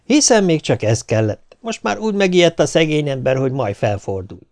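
A man reading a folk tale aloud as an audiobook, with lively, expressive storytelling. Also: fairly high pitch, dry recording, clean studio sound. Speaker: audiobook reader.

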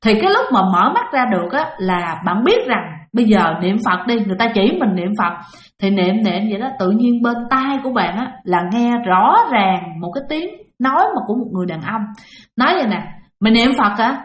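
A woman's voice: medium pitch, sing-song, fairly quick. A woman narrating a ghost story in a chatty way, often speaking straight to her listeners. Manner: chatty, addresses listeners directly. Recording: roomy echo.

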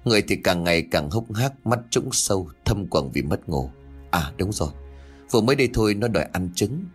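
A man's voice: low-pitched, expressive, fairly quick, breathy edge, faint music behind, pitched above the performer's own voice. A man voicing an anxious, grumbling old village father in a raised voice. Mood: worried.

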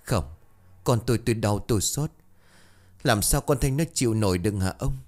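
A man's voice: fairly low pitch, moderate pace, darkish tone, lightly acted. A man voicing a grieving middle-aged mother who begs through tears in a plaintive voice. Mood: pleading grief. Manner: plaintive, begging.

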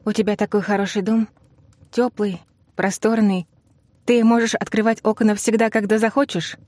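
A man's voice: high voice, moderate pace, darkish tone, no echo, voice pushed up, close to an everyday voice. A man reading an audiobook, voicing an anxious, flustered young woman who chatters breathlessly. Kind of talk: audiobook character voice.

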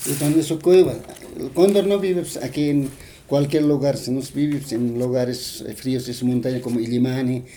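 A man's voice: medium pitch, fairly even intonation, normal speed, warm tone, a little hiss or hum. A man with a Bolivian Spanish accent, retelling a folk tale in an interview, rambling and full of fillers and tag questions.

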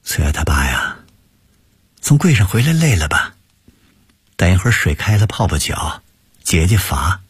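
A man voicing a gentle, teasing middle-aged mother, coaxing her family. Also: deep voice, very animated, measured pace, slightly rough, dry recording, clean studio sound, full character voice. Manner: warm homely coaxing.

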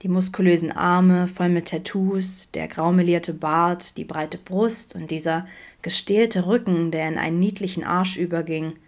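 A woman narrating fan fiction as an audiobook in a calm, measured way. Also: lowish voice. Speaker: audiobook reader.

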